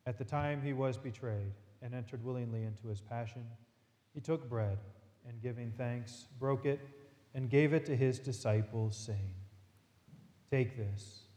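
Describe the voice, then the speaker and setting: A man as a priest, solemnly intoning Mass prayers in measured phrases, his voice carrying a cathedral echo. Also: medium pitch, mellow. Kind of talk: liturgical prayer recitation. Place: large church. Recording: long reverberant church hall.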